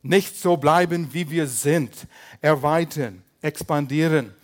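Older pastor preaching with light humor. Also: male voice, fairly high pitch, slow. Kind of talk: sermon.

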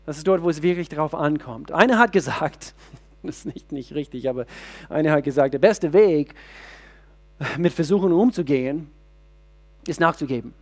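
Slightly high-voiced middle-aged guy preaching, lots of restarts and questions to the room. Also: a little fast. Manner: searching restarts, rhetorical questions to the congregation. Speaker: pastor. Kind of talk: sermon.

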